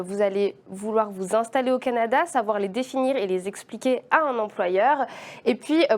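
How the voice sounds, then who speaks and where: A woman recruitment consultant explaining job-search norms in a webinar, measured and explanatory, hesitating at times. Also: fairly high pitch. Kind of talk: webinar presentation.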